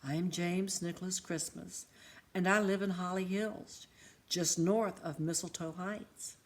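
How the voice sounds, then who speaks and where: A woman's voice: fairly low pitch, fairly even intonation, unhurried. A woman reading the lines of an older man in a storybook, urgent and commanding. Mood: reassuring. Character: older man with a cheerful firm manner.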